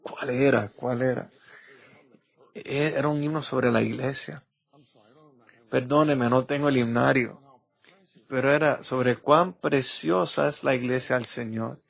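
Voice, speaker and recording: A man's voice: mid-range voice, measured pace, vocal fry, long pauses, breathy edge. Middle-aged man preaching, lo-fi recording. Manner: storytelling, acting out quoted voices. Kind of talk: sermon with personal stories. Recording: dull lo-fi recording.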